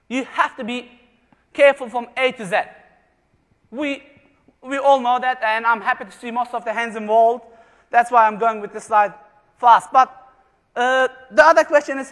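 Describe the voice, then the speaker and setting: Here a German man with a very high, slightly bright voice is presenting at a conference in a humorous way, putting questions to the live audience. The setting is a large conference room, captured with the lengthy reverb of a big hall.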